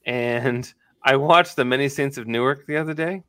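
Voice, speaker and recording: A man's voice: medium pitch, moderate pace, bright, forceful tone, clear, resonant tone, no room sound. A man co-hosting a podcast in casual chat, blunt and swearing freely. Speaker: podcast co-host.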